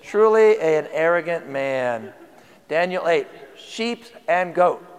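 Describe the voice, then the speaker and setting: A man preaches a teaching sermon in a fairly high, smooth voice, his throat tired from singing. He speaks slowly and conversationally with lively intonation, asking the congregation questions. A long reverb from the church hall trails his words.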